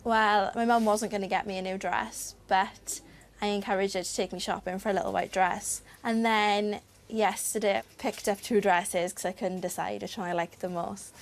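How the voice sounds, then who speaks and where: A woman's voice: mid-range voice, steady tone, moderate pace. A young Welsh-accented woman, a pageant contestant, talking casually in an interview. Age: young adult.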